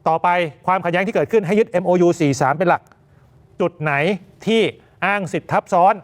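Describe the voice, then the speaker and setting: A male news anchor giving emphatic, animated commentary. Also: high-pitched, fairly quick.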